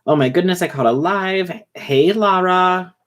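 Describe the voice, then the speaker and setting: A man hosting a casual livestream who talks fast and rambles, with many fillers and restarts. He is short on sleep. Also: sits high. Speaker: livestream host reading chat.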